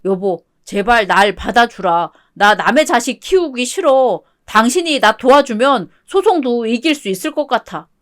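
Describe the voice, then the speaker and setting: A whiny, clingy ex-husband in a storybook radio drama, as a woman reader puts him on. He pleads and wallows in self-pity, desperate to be taken back. The voice sits fairly high. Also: animated, moderate pace, hardly any pauses, a bit bright. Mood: begging. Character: whiny cheating ex-husband, middle-aged man, desperate. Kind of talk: one-voice radio drama reading.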